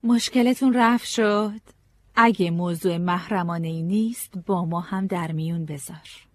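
A man voicing a sharp-tongued, mocking woman in a high put-on falsetto for an audiobook story. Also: no room sound, natural voice. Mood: probing.

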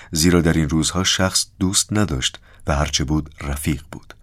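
A man reading a novel aloud as an audiobook narrator, in an even, measured way. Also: a bass voice, no echo, clean studio sound.

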